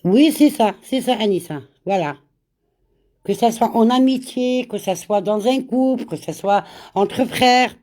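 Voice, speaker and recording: A woman's voice: medium pitch, dark tone. A woman with a cold hosting a casual live chat, greeting viewers by name and slipping in Arabic greetings. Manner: slow, repeats words. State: has a cold. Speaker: live stream host.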